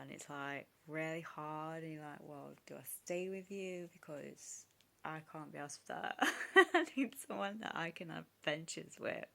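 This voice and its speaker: A young woman talks to her phone camera in a loose, confessional vlog. Her voice sits low with a gravelly fry. She sounds upset and close to tears, and she trails off and restarts often. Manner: rambling, emotional, many fillers and restarts. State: upset, tearful. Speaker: vlogger. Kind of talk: casual confessional chat to camera.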